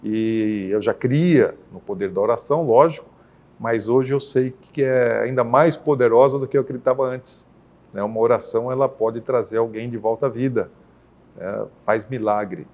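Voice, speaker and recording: A man, a senior pastor from Brazil, telling his faith testimony as a podcast guest, earnest and unhurried, often checking in with his listener. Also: medium pitch, a little mellow. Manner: earnest, unhurried, with frequent tag questions.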